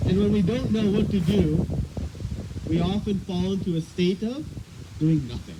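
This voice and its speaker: A man with a high-sitting voice and measured pace leads a scripture class outside, chatting with listeners and posing questions to them. Loud wind and outdoor noise fill the recording, and his battery mic drops in and out.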